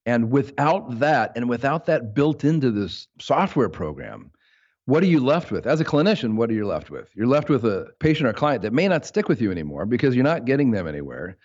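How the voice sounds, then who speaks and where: A man's voice: medium pitch, sing-song, fairly quick, a little mellow, dull audio. An American man hosting a podcast, a clinician talking casually and enthusiastically with his guest. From United States. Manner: enthusiastic, affirming.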